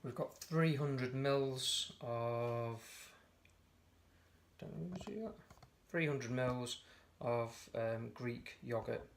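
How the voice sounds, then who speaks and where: A man with a hoarse, croaky, mid-range voice talks slowly through a recipe as a home cook, relaxed and chatty, often correcting himself mid-sentence. It's a casual step-by-step cooking demo captured in a noisy home video.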